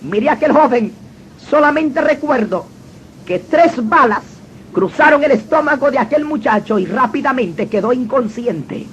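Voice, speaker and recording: A man's voice: very high voice, animated, normal speed. A man telling his personal testimony in an earnest, dramatic storytelling manner. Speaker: testimony speaker. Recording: dull lo-fi recording with faint noise.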